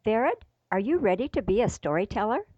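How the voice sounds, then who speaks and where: A woman's voice: fairly high pitch, sing-song, a little fast, no echo. Upbeat woman host, dry lo-fi sound. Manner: upbeat, enthusiastic introductions. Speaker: podcast host. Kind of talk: interview hosting.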